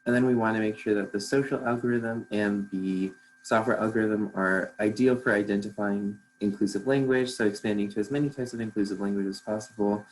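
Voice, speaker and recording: A man with a fairly low voice narrates a software demo over a noticeable background hum. He presents like a student showing a project, explaining each step in a measured way. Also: fairly even intonation. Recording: clearly noisy, humming background.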